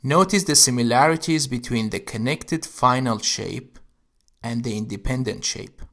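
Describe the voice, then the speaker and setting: A man's voice: medium pitch, moderate pace, vocal fry, fairly bright tone. A man teaching Arabic letters, explaining how to write each one step by step. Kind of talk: instructional narration.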